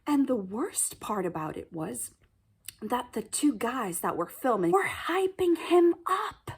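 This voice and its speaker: A woman telling a personal story in a casual vlog style, with a breathy, husky voice, dramatic emphasis and acted-out quotes. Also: on the high side, measured pace. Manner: animated, acts out quotes and reactions. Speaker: storyteller recounting an audition.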